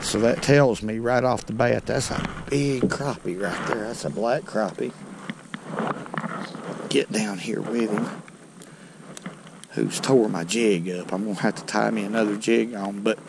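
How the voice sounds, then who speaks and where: A man's voice: mid-range voice, creaky, noisy background. A middle-aged man with a Southern American accent from North Alabama, chatting unhurriedly to viewers while fishing from a small boat on a lake. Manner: folksy, unhurried, talks to viewers as "folks". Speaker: fishing channel host. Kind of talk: casual fishing commentary. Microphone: head-mounted action camera.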